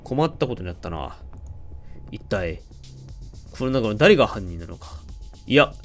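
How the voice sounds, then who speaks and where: A man's voice: fairly low pitch, big pitch swings, normal speed, faint music behind, voice pushed down. A man voicing a stiff, pompous older male police inspector in a game, speaking in formal commands. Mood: brooding.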